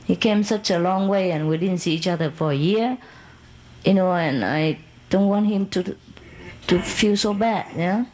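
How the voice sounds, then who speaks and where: A woman's voice: on the low side, moderate pace, darkish tone, poor audio. A woman telling a long personal story in casual, non-native English, rambling and laughing as she goes.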